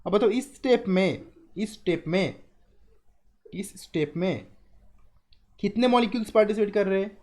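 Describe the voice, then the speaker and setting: A man's voice: high voice, normal speed, long pauses, a little mellow. A young adult man teaching chemistry in a live online class, explaining step by step, repeating key terms and asking students questions.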